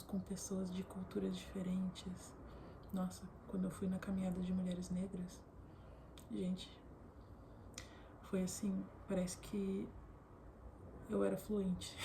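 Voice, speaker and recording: Young woman vlogger from southern Brazil, gravelly, hushed delivery, bedroom recording with faint background hiss. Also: on the low side. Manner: often drops to a soft whisper. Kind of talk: casual chat to camera.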